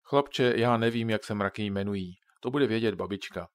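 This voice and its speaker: A man's voice: on the low side, no echo, lightly acted. A man voicing a joking father who patiently explains things to his children in a storybook reading. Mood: jokey explaining.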